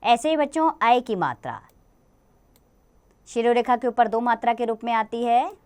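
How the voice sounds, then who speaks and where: Smooth-voiced woman teaching children. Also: fairly high pitch, expressive, darkish tone. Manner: slow, patient, explaining to children. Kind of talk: children's grammar lesson.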